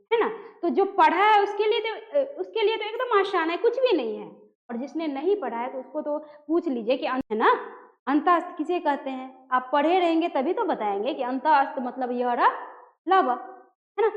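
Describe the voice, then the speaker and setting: A woman teacher giving a grammar lesson to students, often asking a question and then answering it herself. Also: high-pitched. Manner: addresses students as children, asks and answers own questions. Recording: echoey dull room recording.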